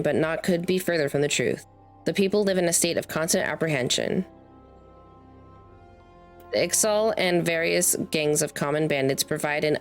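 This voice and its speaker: A woman voicing a motherly, formal guildmaster from a fantasy game, reading the dialogue in a measured way. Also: sits low. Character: motherly guildmaster welcoming adventurers, grave and formal.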